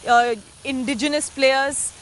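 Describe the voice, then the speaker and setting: Woman host, Indian English accent, inquisitive, slightly higher pitch, faint noise. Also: fairly even intonation, measured pace, rough recording. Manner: inquisitive, conversational. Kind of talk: business talk show interview.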